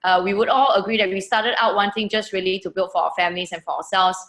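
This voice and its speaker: A woman from Singapore hosts an online webinar over a video call, encouraging her audience and often saying "you know." Her mid-range voice is steady and a bit bright, her pace quick, and the sound is roomy, since she's in an echoey room at a holiday lodging.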